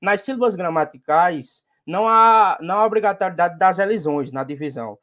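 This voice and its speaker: High-pitched guy w/ northeastern brazilian accent teaching poetry meter, recites verses punchy. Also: brisk, fairly bright tone. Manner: declaims recited verses with emphasis. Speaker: poet teaching a workshop for teachers. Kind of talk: lecture on poetic meter.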